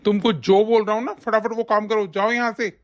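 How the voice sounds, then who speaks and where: A woman voicing a hot-tempered young husband and son in an animated story, harsh and commanding. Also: mid-range voice, brisk, lightly acted. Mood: angry.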